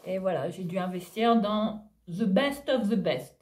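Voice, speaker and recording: A woman's voice: medium pitch, unhurried, background noise. A woman vlogging at home, chatting casually to her viewers about her outfit, talking to them as "les filles" with lots of fillers and laughs. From Réunion. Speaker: fashion vlogger. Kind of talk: casual haul video chat.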